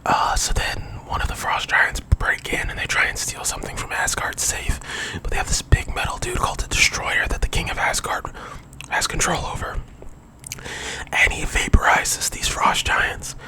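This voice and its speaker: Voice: moderate pace, poor audio. A young adult whispering a casual, rambling ASMR monologue that wanders off on digressions. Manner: whispering throughout. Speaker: ASMR video creator.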